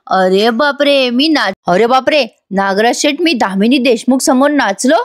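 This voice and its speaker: Woman doing a panicky drunk guy, begging, says stuff twice, kinda high voice. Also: unhurried, lightly acted. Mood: alarmed. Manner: pleading, flustered, repeats himself. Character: panicky, fawning middle-aged man fond of drink.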